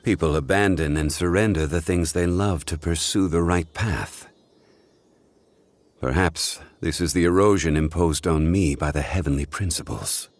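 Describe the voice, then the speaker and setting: An actor voicing Zhongli, an ancient, calm, dignified male god of contracts who speaks in a measured, solemn, formal way, in a game with faint music behind. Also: sits low, close to an everyday voice.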